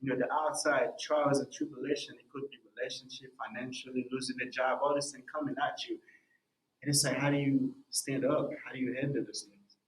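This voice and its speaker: With "bro" and "man" dropped into nearly every sentence, a young musician tells his story animatedly during a laid-back podcast interview. He speaks a little fast in a mid-range voice with a level tone, and the audio echoes through a spacious room.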